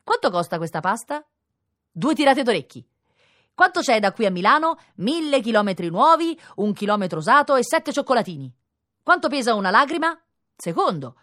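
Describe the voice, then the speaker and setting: A woman's voice: mid-range voice, a bit bright, dry recording, clean studio sound. A woman reading children's stories aloud on radio, playful and sing-song. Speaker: storyteller.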